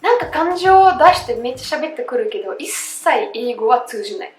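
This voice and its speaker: A woman with a Russian accent hosts a relaxed chat, talking with many fillers and easy laughter. Her voice sits a little high. The room is roomy and echoey, with faint background music. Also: fairly quick. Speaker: host. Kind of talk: casual chat.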